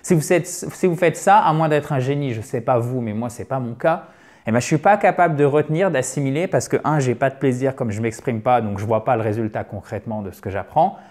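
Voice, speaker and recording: A man teaching a relaxed online lesson, checking in often with a quick "ok?" and repeating key words slowly for drill. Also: mid-range voice. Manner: frequent "ok?" check-ins. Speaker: English teacher.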